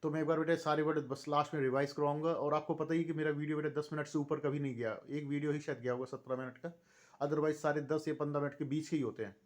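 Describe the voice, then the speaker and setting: A man with an Indian accent teaching English vocabulary online, reading long lists of synonyms and calling his students "beta" in a fatherly tone. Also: fairly high pitch. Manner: reads synonyms one by one in a steady list. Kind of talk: online vocabulary lesson, reciting word lists.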